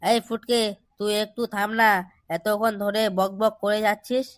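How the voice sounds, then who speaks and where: A performer voicing a young friend in a comedy cartoon who coaxes others to calm down. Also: medium pitch, normal speed, dry recording, close to an everyday voice. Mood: pleading. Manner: coaxing, peacemaking. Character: pleading young male friend.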